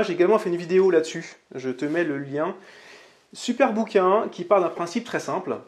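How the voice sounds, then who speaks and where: A man with a voice pitched a little above the usual, talking casually to camera on his own channel. He is chatty and upbeat and speaks straight to the viewer as if to a friend. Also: darkish tone. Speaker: channel host reviewing books. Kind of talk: casual vlog talk to camera.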